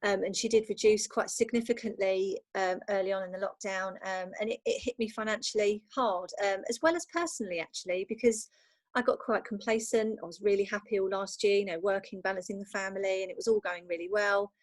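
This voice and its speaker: A woman's voice: medium pitch, dry recording. A woman guest on a podcast, agreeable and reflective, speaking from a bedroom at home. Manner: agreeable and reflective, quick to affirm with "absolutely". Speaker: virtual assistant, guest. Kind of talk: casual chat.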